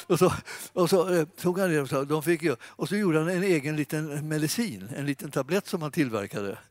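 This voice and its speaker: A man giving an informal sermon, chatty and animated, speaking straight to his listeners. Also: fairly high pitch, no echo. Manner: conversational, animated, fillers and restarts, addresses audience. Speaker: preacher.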